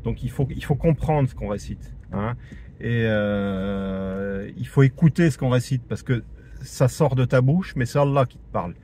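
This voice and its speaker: His voice is warm, medium-pitched, and a touch slow as this teacher from France shares an informal religious lesson in traffic. He talks conversationally, restarting and filling pauses, and he keeps repeating his central points. The road's noise comes through clearly.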